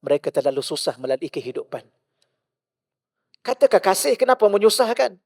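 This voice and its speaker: Delivering a mosque lecture, a Malaysian Malay-accented male religious teacher fires off rhetorical questions and alternates between loud and hushed passages. His high voice swings widely in pitch at a brisk pace with vocal fry, and the recording is dry and studio quality.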